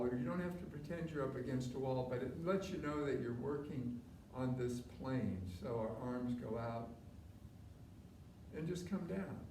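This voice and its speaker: A man instructing a tai chi class live, giving short step-by-step movement cues in an informal, gently encouraging way. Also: medium pitch. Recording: distant mic, roomy echo, clear background noise.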